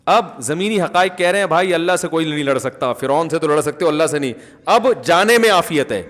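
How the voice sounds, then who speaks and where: A man's voice: sits high, fairly bright tone. A middle-aged man preaching a sermon as a cleric, joking and acting out the people he quotes, then building to emphatic oaths. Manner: humorous, acts out quoted people; emphatic oaths, rising fervor. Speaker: Islamic cleric. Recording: long hall reverb.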